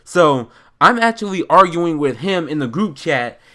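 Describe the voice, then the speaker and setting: A young man from Chicago with an American accent delivers an animated storytime rant. His voice sits a little high for a man. He rambles in casual slang and leans on his words with indignant emphasis. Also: unhurried. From Chicago, United States.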